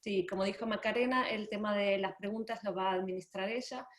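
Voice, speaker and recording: A woman interpreting consecutively in an online presentation, careful and pausing as she translates. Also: mid-range voice, steady tone. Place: indoor room on a video call. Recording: roomy, echoey video-call sound.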